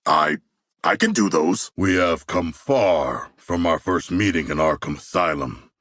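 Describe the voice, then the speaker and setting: An actor playing a huge, noble and bloodthirsty shark warrior in a video game, deep and gravelly, with formal, grandiose diction. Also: male voice, expressive, unhurried, fairly bright tone, no echo, clean studio sound, heavily acted. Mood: calm, earnest.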